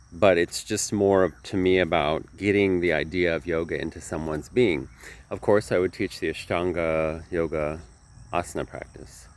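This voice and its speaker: A yoga teacher chats casually to the camera, his voice low and slightly nasal from a sinus infection. He's earnest and tends to ramble, frequently correcting himself.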